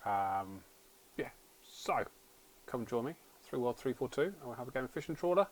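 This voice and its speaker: A man's voice: mid-range voice, expressive, normal speed, slight background noise, poor audio. A man hosting a livestream, chatting casually while he plays a game, rambling and often restarting his sentences. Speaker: livestream host.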